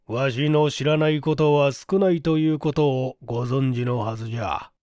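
An actor playing a shrewd, shabby 97-year-old man who talks in slow, folksy old-man speech in an audiobook drama. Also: mid-range voice, darkish tone, dry recording, studio quality, lightly acted. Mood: boastful.

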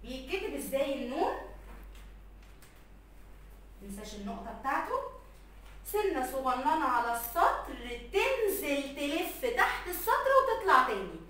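A woman with an Egyptian Arabic accent teaching letters to young children, slowly stretching out sounds and words. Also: sits high, pushed and bright, heavy reverb, far from the mic, slight background noise. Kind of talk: recorded lesson for young children.

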